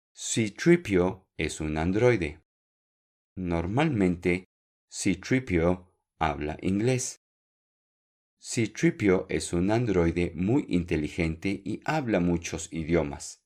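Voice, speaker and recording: A man teaching a podcast Spanish lesson, speaking slowly and clearly, repeating words for learners and encouraging them. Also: low voice, animated, a little mellow.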